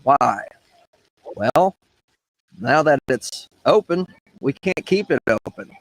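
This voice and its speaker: Man, 30s, mock-official presenter recorded outdoors, lively pitch. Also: takes it slowly, no room sound, rough recording. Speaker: presenter of a comic public notice video.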